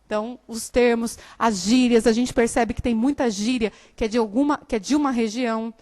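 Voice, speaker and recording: A woman teacher from São Paulo state with a São Paulo Portuguese accent softened by years in the south, giving a live classroom lecture and often checking that students understand. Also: a little high, fairly even intonation, brisk. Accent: São Paulo Portuguese, softened by years in southern Brazil. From São Paulo state, Brazil.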